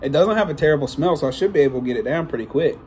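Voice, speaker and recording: A man's voice: a little high, expressive, very fast, a little mellow. Young man vlogging casually, slight room noise. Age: 20s. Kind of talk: casual chat to camera. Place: small hotel-like bedroom, indoors. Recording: faintly noisy room recording.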